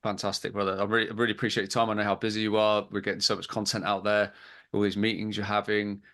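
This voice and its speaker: A man's voice: lowish voice, level tone, fast talker, a bit bright. A man hosting an interview, effusive toward his guest, asking long rambling questions. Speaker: host. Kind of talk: interview over video call.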